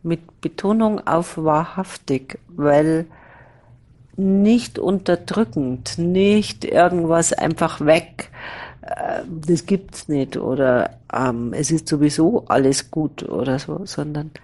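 Very slow, low-voiced woman teacher. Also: warm tone. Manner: pauses often, speaks in drawn-out fragments. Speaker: spiritual teacher. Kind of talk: slow reflective spiritual dialogue.

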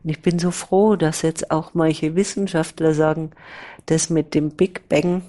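A woman speaking as a spiritual teacher in a slow, reflective dialogue, pausing often and talking in drawn-out fragments. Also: deep voice, fairly even intonation, mellow.

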